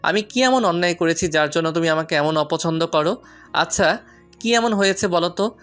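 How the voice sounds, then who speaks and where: A man's voice: on the high side, moderate pace, fairly bright tone, clean tone, faint music behind, close to an everyday voice. A man voicing a rich young man, heartbroken and pleading with the woman he loves, in an audio love story. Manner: pleading, anguished.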